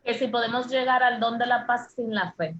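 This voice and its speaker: A woman's voice: fairly high pitch, normal speed, fairly bright tone, highs cut off. A woman moderating a Q&A, politely addressing the priest and reading out the audience's questions.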